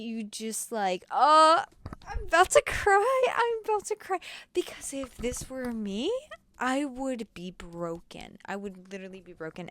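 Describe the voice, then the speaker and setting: A woman reviewing books in a casual vlog, talking in an animated, slangy way that swings up high and drops back low. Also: clear, resonant tone. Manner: animated and slangy, with big swings in pitch and loudness. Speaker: book reviewer.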